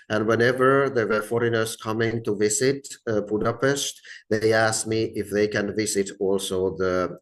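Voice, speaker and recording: Low-pitched middle-aged man, non-native English accent, slow delivery, hesitant informal lecturer, frequent ums and repetitions. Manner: very hesitant, halting, with many long filled pauses and repeated words. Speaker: speaker giving a talk, art collector. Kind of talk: informal lecture, personal storytelling.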